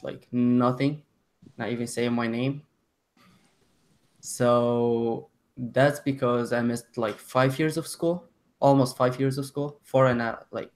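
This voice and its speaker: Teen boy from Syria, flat voice. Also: medium pitch. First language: Arabic. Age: teens. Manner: halting, many "like" fillers, self-corrections. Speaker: student panelist. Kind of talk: telling his story on a panel.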